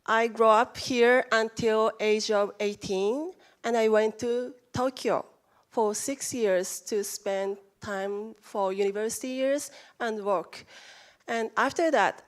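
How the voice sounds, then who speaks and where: A woman with a Japanese accent and a mid-range voice gives a presentation talk in a conference room. She speaks slowly and carefully, in halting non-native phrasing with restarts.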